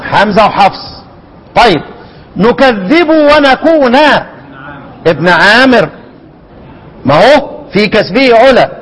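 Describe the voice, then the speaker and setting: A man with an Egyptian accent teaching the readings of a recitation poem, repeating words slowly and quizzing his listeners. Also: high-pitched, lively intonation, a bit bright, slightly rough, low-quality recording. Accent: Egyptian Arabic. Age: older. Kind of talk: explaining a recitation poem line by line.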